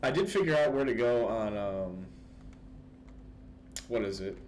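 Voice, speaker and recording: A man's voice: fairly low pitch, lively intonation, unhurried, darkish tone, slight background noise. A young man chatting casually about a game, rambling with lots of fillers and laughing often. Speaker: gaming video host. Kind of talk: casual gaming chat.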